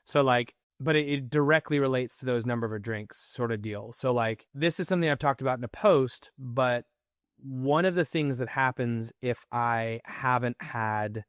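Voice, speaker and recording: A man's voice: medium pitch, moderate pace, smooth, no room sound. Male podcast co-host, thirties, candid storyteller, dry close mic. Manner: candid, animated storytelling with mimicked inner voices. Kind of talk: casual podcast conversation.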